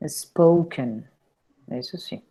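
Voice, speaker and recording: A woman teaching an online English class. Her voice sits a little low, and she talks slowly, repeating verb forms deliberately so students can copy them. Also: dark tone. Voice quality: repeats words slowly to model pronunciation.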